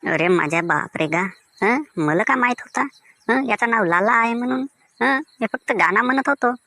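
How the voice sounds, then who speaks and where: A man's voice: very high voice, expressive, normal speed, gravelly, bright, forceful tone, dry recording, exaggerated voice. A man voicing a defensive, grumbling village mango seller with a Vidarbha Marathi accent. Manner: sing-song, defensive, grumbling. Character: cheerful singing village mango seller Diwakar.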